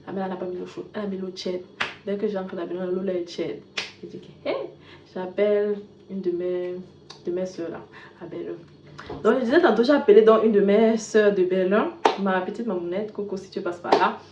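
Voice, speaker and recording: A mid-pitched woman vlogger tells a personal story in an animated, casual way. Her volume jumps up for emphasis, then drops to soft asides. The sound is lo-fi and echoey, with a faint hiss behind it. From Cameroon. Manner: animated retelling, with bursts of loudness and soft asides.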